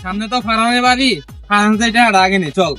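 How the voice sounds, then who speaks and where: A man's voice: high-pitched, steady tone, bright, forceful tone, soft background music. A man with a rural Bangladeshi Bengali dialect, playing a greedy, blustering village moneylender in a comedy skit. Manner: greedy, blustering, fast-talking.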